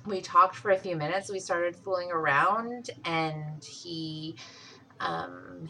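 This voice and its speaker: A woman's voice: lowish voice, bright, forceful tone, slight background noise, low-quality recording. A young adult woman speaking candidly and bluntly in casual conversation, swearing freely as she tells her own story.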